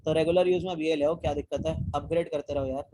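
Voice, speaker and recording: A young man with a fairly high, steady, mellow voice talks fast on a rough recording. He's a programming teacher running a live online coding class, walking students through code step by step, asking them questions, and mixing English technical terms into casual Hindi.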